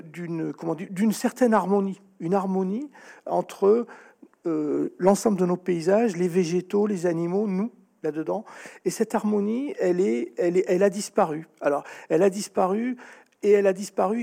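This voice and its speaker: A man speaking as a guest author in an interview, explaining at length with animated storytelling and frequent restarts. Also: sits high, normal speed, creaky.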